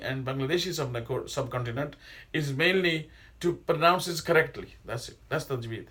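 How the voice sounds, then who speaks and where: With a fairly high-pitched, slightly bright voice, a middle-aged man teaching Islam gives a loose, informal religious lesson in a language other than his native Arabic... rather, Arabic is not his first language. He meanders through digressions with many hesitations and restarts.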